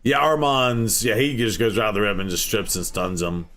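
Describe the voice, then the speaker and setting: A man's voice: on the low side, expressive, moderate pace, fairly bright tone. A man streaming a game from his home office, chatting casually and rambling as he answers his chat.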